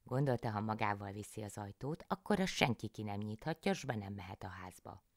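A woman reading a folk tale aloud as a bedtime story, calm and measured, close to the microphone. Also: a bass voice, no echo.

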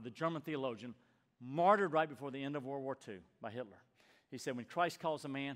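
A man in his sixties preaching a sermon as pastor, emphatic and swinging from loud urging down to hushed near-whispers. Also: on the high side. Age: 60s. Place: church sanctuary. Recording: long reverb of a church hall.

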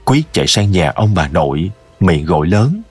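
A man narrating a scripted horror story in a slow, ominous storytelling manner. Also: deep voice, big pitch swings, darkish tone, slightly rough, soft background music.

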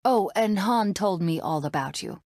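A woman voicing a brave, sardonic young rebel princess in a video game, with a crisp, resolute and dryly sarcastic manner. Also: mid-range voice, lively intonation, normal speed, darkish tone, dry recording, studio quality.

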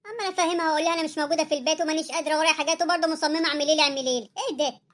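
A woman's voice: sits high, fairly even intonation, rapid-fire, close to an everyday voice. Woman voicing a snappy, rude Egyptian daughter-in-law. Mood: impatient. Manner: snappy, dismissive, bossy.

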